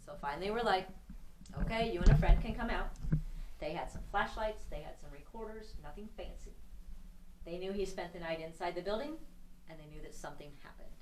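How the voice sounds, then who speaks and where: A woman's voice: on the low side, noisy background. A middle-aged woman telling stories to a tour group while guiding them around an old building she owns. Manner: chatty, laughs at herself. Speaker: tour guide and building owner. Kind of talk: casual storytelling to a tour group. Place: large old empty building indoors. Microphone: no mic, heard from a distance. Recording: echoey room from far off.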